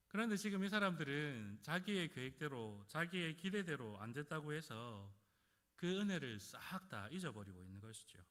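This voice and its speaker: A man preaching a sermon, addressing the congregation with rhetorical questions and dramatic swings in volume. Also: a bit bright. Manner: dramatic rises and drops in pitch and volume. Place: church sanctuary. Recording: church hall reverb.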